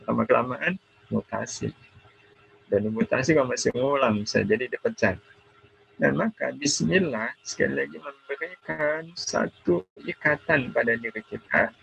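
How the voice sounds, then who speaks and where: A man's voice: mid-range voice, creaky, fairly bright tone, husky. A middle-aged Indonesian man giving an online religious seminar to mothers, conversational, asking questions and answering them himself. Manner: acts out a scolding parent in quoted lines. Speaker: Islamic preacher. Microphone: video call. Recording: dull video call audio with faint noise.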